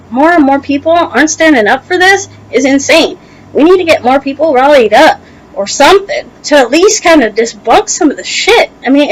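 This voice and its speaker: A woman's voice: sits high, a bit bright, low-quality recording. A young American woman giving an opinionated vlog rant in a heated, emphatic way, her speech slightly impeded by a tongue piercing and allergies. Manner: heated, emphatic, casually profane. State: allergies making it hard to talk. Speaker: video blogger. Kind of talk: opinionated reaction rant to camera.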